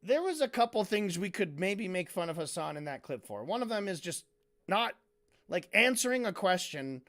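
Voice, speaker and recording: A man's voice: on the high side, fairly bright tone. A man commentating on a stream in a casual, profane way, breaking into mocking impressions.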